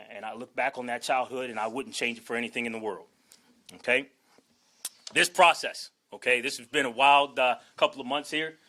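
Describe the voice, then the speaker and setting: Forceful-sounding guy in his 40s from dc, football coach intro speech, earnest, keeps going "okay? all right?". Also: medium pitch. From Washington, D.C. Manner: earnest, holding back emotion. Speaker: new head football coach. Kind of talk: introductory press conference speech.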